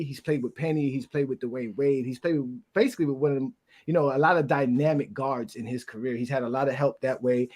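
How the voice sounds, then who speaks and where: A man hosting a casual sports debate show, talking fast and laughing often. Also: mid-range voice. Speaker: sports talk show host.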